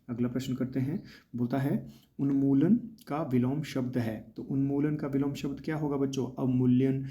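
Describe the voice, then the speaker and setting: A man's voice: medium pitch, mellow. A man teaching a lesson for an exam, explaining patiently and asking questions that he then answers himself.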